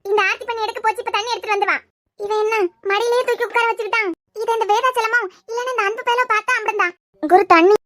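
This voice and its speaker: Lady doing a super high-pitched cartoon girl, kanyakumari accent, gossipy and fussy, dry close sound. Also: steady tone, fast talker, a bit bright, no room sound. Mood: fussing. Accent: Kanyakumari Tamil. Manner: fussing, exclaiming, gossipy asides. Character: chatty young women of a family cartoon. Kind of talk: cartoon web series voice acting.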